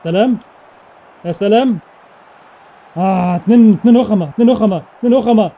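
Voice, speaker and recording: Rapid-fire excitable Egyptian gamer guy. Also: sits high. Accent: Egyptian Arabic. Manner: excitable, repeats exclamations rapidly. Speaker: gaming YouTuber. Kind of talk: live gameplay commentary.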